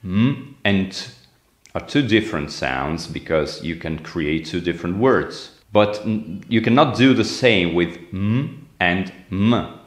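A man's voice: sits low, lively intonation, slow pace, reverberant. A man from Italy giving a phonetics lesson, explaining step by step and demonstrating sounds by repeating words. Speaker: language teacher.

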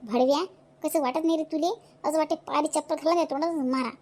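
In this cartoon voice-acting clip, a woman plays a fierce, middle-aged widowed village mother with a high, sharp-tongued voice and a broad Vidarbha Marathi accent. Out of patience, she furiously nags and berates her idle grown son at a quick pace with fairly even intonation. Her voice sounds natural.

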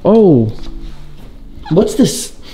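Man in his twenties, raised pitch, casual excitable vlog chat, handheld camera, indoor corridors, faint music. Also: extremely slow. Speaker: vlog host. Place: indoor corridors of an empty hospital. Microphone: handheld vlog camera at arm's length. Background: background music.

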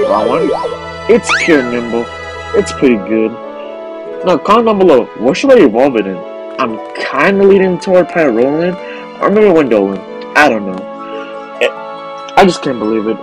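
A young man narrating a casual voice-over about his game hunting luck. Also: fairly high pitch. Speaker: gaming YouTuber. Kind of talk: recorded vlog voice-over. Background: background music.

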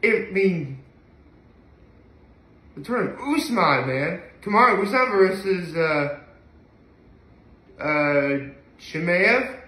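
A young adult vlogger from upstate New York posts daily and here talks casually to the camera, expressive yet slow-paced, pausing often. His voice is bright and fairly high, and his rambling, hesitant thoughts tend to trail off. The echoey audio was captured in his living room on a phone camera a few feet away.

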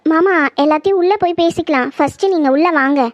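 A woman playing a gentle, soothing young daughter-in-law. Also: extremely high pitch, fast, dry recording. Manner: soothing, reassuring. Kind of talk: dramatized horror audio story.

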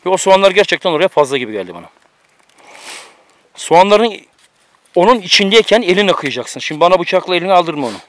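This is a man with a fairly high voice, recorded outdoors on a mountain through a camera microphone. He keeps up a casual, bossy running commentary. He teases and instructs the friend cooking beside him. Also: sing-song, quick pace, pauses often, no room sound.

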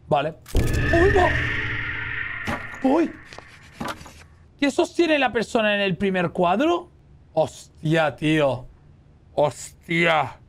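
A man playing a horror game as a streamer, chatting casually with his viewers, swearing and yelling at the scares. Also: high-pitched. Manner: excitable, swears and shrieks at scares, talks to chat. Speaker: gaming streamer. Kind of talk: casual let's-play commentary.

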